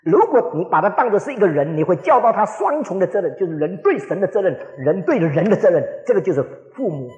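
A man in his forties preaching a sermon, telling stories with lively acted-out quotes, recorded in an echoing hall. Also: sits high, quick pace, hardly any pauses, highs cut off. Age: 40s. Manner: animated storytelling, acts out quoted voices. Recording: echoey hall with long reverb.

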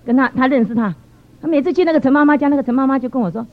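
A woman giving a lively church testimony, telling stories with animated expression. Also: high-pitched, rapid-fire. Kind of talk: storytelling testimony. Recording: dull lo-fi sound.

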